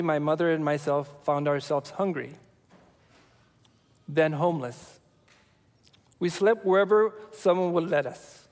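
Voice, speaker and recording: Man, forties, from El Salvador, church testimony, reflective, measured, many fillers, fairly high pitch, long hall reverb. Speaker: church speaker sharing testimony. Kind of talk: personal testimony to a congregation.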